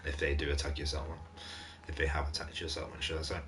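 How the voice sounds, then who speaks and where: A man's voice: rumbling low, level tone, racing, fairly bright tone. A man hosting a gaming channel, giving a casual mod review commentary in an off-hand way, reading descriptions aloud with blunt asides, his voice starting to go.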